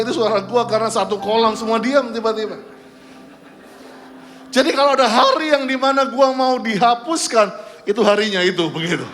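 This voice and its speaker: A middle-aged man preaching as a pastor, telling a lively story, mixing in English phrases and shouting out quoted cheers. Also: very high-pitched. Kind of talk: sermon storytelling. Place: church service.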